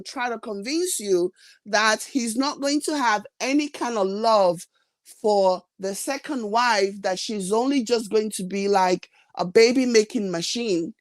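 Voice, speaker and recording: A woman's voice: fairly high pitch, no room sound. Blunt scolding woman. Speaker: reality TV commentator. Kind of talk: opinionated vlog rant.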